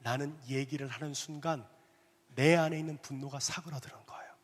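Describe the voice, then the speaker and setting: A male pastor preaches in an animated storytelling way, now and then dropping to a hush. His voice sits somewhat high. A long reverb rolls through the church sanctuary. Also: fairly quick. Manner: animated, dropping to hushed asides. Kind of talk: storytelling sermon.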